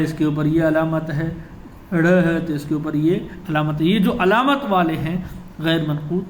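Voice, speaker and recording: A male teacher giving an exam-prep lecture, explaining step by step and answering his own questions. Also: fairly high pitch. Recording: echoey room with faint ambient noise.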